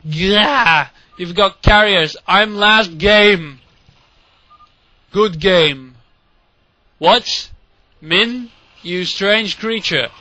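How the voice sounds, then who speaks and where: A man casually commentating a strategy game replay, excitable and sarcastic, mocking the players and swearing. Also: high voice.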